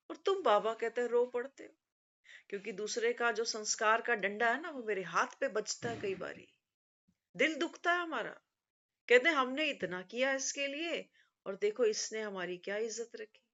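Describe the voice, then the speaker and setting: A woman with a medium-pitched, fairly bright voice gives a devotional discourse as a spiritual speaker. Her approach is storytelling, peppered with quoted teachings and conversational asides. The recording is muffled lo-fi.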